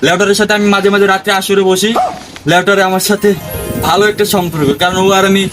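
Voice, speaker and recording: A man's voice: high voice, level tone, a bit bright. A man playing a boastful, shady adult man who bosses and threatens people in a comedy sketch. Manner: blustering, bossy, quick to threaten. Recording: music playing under the voice.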